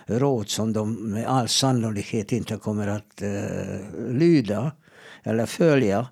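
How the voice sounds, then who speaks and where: A middle-aged man, a therapist, talking in a calm, measured way with frequent hesitations while giving advice in a casual conversation. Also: on the low side, vocal fry, breathy edge.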